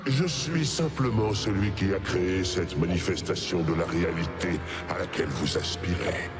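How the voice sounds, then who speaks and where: A man voicing a grandiose, commanding, sinister godlike master who devours souls in a game cutscene, under loud music. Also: deep voice, normal speed. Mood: menacing. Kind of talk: dramatic game cutscene acting.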